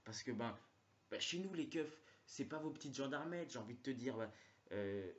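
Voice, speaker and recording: A man's voice: mid-range voice, animated, moderate pace. Male comic rambling through a slangy rant, mid-range voice, muffled lo-fi recording. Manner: rambling, slangy, full of fillers. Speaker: comedian. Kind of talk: stand-up comedy monologue.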